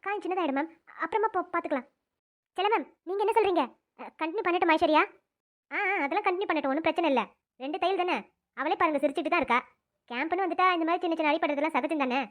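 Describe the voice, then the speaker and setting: A woman's voice: very high voice, racing. A woman voicing a nurse, camp teachers and schoolgirls in a cartoon drama, with a flustered, fussing manner.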